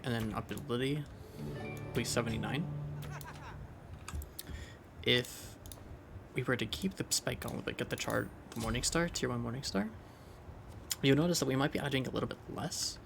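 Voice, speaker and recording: A man's voice: medium pitch, a little fast, vocal fry, background noise. A young man casually thinking aloud as he explains a game build over gameplay, loose and rambling with restarts. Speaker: game commentator.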